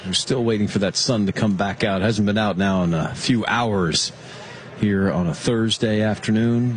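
A man's voice: lowish voice, a little hiss or hum. A man hosting a live golf broadcast as commentator, reading out scores and handing over like an announcer.

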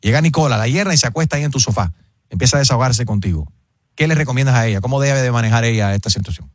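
A man's voice: mid-range voice, lively intonation, very fast, no room sound, studio quality. A man hosting a casual radio talk show, chatty, slipping into English while searching for words.

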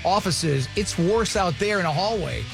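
A male radio host with a fairly high voice, talking in loose, joking morning-show banter. He often trips over his words and restarts, with faint music under him. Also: expressive, moderate pace, vocal fry.

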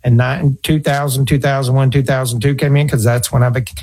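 This man in his fifties is a financial advisor and radio host offering advice conversationally. He's earnest, tells stories, and repeats himself. His medium-pitched voice has little pitch movement, a slightly fast pace, a darkish tone, and a slightly rough quality.

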